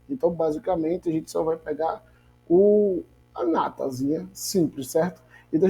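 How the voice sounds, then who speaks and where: An English teacher gives a grammar lesson, asking rhetorical questions and drilling example phrases slowly. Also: medium pitch, dark tone, low-quality recording.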